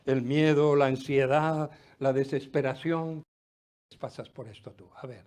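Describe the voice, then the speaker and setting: A middle-aged man preaching a sermon, swinging loud exclamations to hushed, almost whispered asides. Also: mid-range voice, unhurried. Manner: lively preaching with sudden drops to near-whisper. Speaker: pastor.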